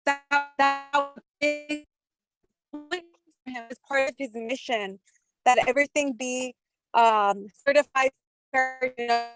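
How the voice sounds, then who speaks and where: A woman's voice: sits high, a bit bright, rough recording. A woman taking part in a course discussion over a video call, speaking hesitantly with fillers while her audio breaks up. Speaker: course participant. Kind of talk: casual group discussion.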